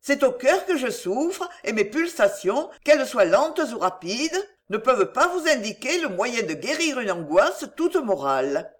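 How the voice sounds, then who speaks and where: A woman's voice: fairly high pitch, sing-song, measured pace, hardly any pauses, voice pushed up. A reader voicing an anguished young woman, nearly a girl, who pleads for help in a raised voice. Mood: pleading.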